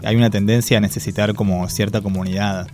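Speaking fast in a lowish voice with a darkish tone and fairly even intonation, this man from Argentina has a Rioplatense Spanish accent. As co-host in a casual conversation, he reasons aloud hesitantly with many fillers, while faint music plays behind him.

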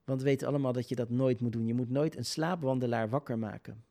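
A man with a dark, mellow tone tells a personal story straight to the listener. His delivery is hesitant and unscripted, full of filler sounds and broken-off sentences that he restarts. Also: medium pitch, fairly even intonation, fast talker, vocal fry. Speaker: video creator telling a personal story.

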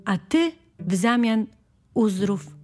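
A woman's voice: mid-range voice, expressive, slow pace, mellow, faint music behind. A woman voicing a blunt, bossy female creature who speaks insistently in a children's audiobook. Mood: blunt pleading.

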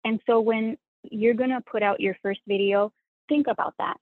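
Her voice is fairly high, steady, and moderately paced, with no echo on the tinny, dry phone line. She's a Spanish-speaking sewing content creator being interviewed as a guest, and she comes across as earnest, reflective, and critical of herself.

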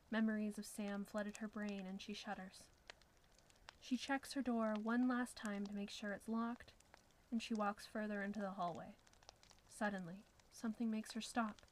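A woman reading a scripted horror story in a hushed voice, often sliding into whispers. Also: medium pitch, slight background noise, poor audio. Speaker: narrator.

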